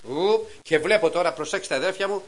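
A middle-aged man giving a testimony sermon to a congregation, telling a story with lively, acted-out dialogue and sudden raised exclamations. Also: high voice, rough recording. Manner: animated storytelling, acts out quotes in a raised voice.

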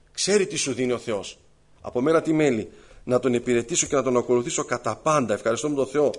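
A man preaching an earnest sermon to his congregation, addressing them as brothers and sisters and telling a parable with acted-out voices. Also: mid-range voice.

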